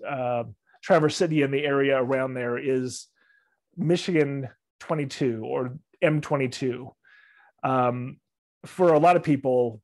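Over a video call webcam, a middle-aged library travel club presenter talks through travel slides in a friendly, loose way, with fillers and restarts. His voice is mid-range and a little mellow. The recording is dry.

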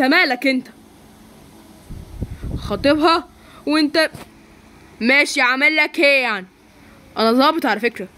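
A woman doing a calm, protective young man. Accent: Egyptian Arabic. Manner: lowered, steady and reassuring.

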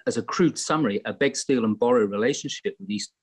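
A man's voice: medium pitch, fast, slightly rough. A middle-aged English man on a video call from home, talking in a reflective, rambling way with many fillers and restarts. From England. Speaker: guest musician. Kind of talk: casual interview chat. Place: home room in Greece, indoors. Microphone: laptop webcam on a video call.

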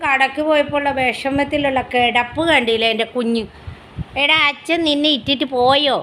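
A woman coos at her pet dog in a high, sing-song voice, all fond baby talk. She is filming on a phone at home, with a faint hum behind her. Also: fairly even intonation, normal speed, bright, forceful tone. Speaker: pet vlogger. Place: home indoors.

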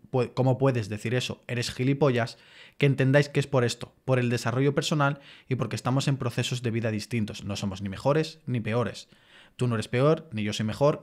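A podcast host from Spain speaks in a frank, personal monologue with a Spain Spanish accent. His voice sits at an ordinary middle pitch for a man. He talks bluntly, swears casually and keeps restating his point to make sure he is understood. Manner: earnest, explains himself repeatedly.

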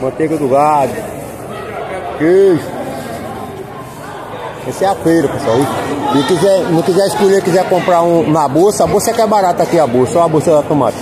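High-pitched Northeastern Brazilian man amid a crowd. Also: brisk, long pauses. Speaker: vlogger. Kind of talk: casual walk-around market commentary. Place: busy covered open-air street market. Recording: outdoor crowd noise behind. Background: market crowd.

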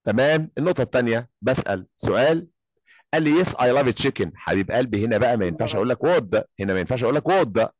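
An Egyptian man teaching English in a dry, close recording. He drills each phrase slowly, then rushes through the explanation. His voice sits at an ordinary pitch. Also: animated, husky, no room sound. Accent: Egyptian Arabic. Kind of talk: online English lesson.

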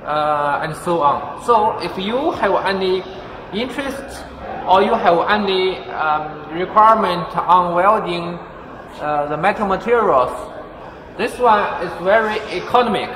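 A man in his thirties with a Chinese accent demonstrating a machine in a workshop, speaking haltingly with many fillers. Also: high-pitched, expressive. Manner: halting, many uh fillers, non-native phrasing. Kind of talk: casual product demonstration. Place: large factory workshop indoors. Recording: echoey factory hall, workshop noise.

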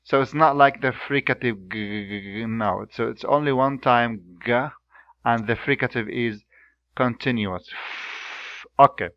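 A man teaching pronunciation, slowly repeating sounds and words for learners to copy. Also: medium pitch, no echo. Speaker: Arabic teacher. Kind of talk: pronunciation lesson. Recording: dull lo-fi sound.

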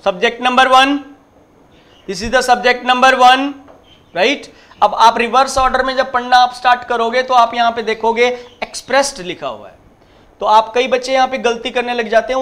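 A man teaching an exam-prep grammar lecture, explaining step by step, repeating his points and reading the example sentences slowly. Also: very high voice, a bit bright. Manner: emphatic, repeats points and keeps checking in. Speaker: English teacher.

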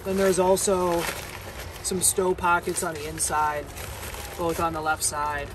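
A man in his thirties giving a casual gear review as a volunteer ski patroller, relaxed with many ums while showing items, on a snowy deck and later in a garage. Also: on the high side, a little slow, background noise. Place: snowy outdoor deck, then indoor garage.

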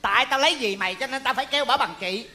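Ông dượng nóng tính la lối. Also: male voice, racing, sharp tone, heavily acted. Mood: furious. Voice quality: shrill, scolding. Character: hot-tempered middle-aged male uncle, loud-mouthed. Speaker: comic actor. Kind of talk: stage comedy skit. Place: theatre stage with live audience.

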